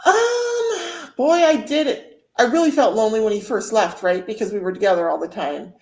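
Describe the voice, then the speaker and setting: A woman's voice: on the high side, expressive, normal speed, a little mellow. A woman co-hosting a casual podcast chat, rambling with lots of fillers. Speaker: podcast co-host. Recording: roomy echo.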